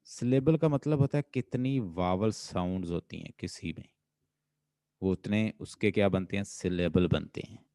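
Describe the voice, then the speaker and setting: A man's voice: low voice, normal speed, warm tone, dry recording. A man with a Pakistani accent lecturing as a linguistics teacher, who keeps quizzing his students with repeated questions. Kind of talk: classroom lecture mixing Urdu and English.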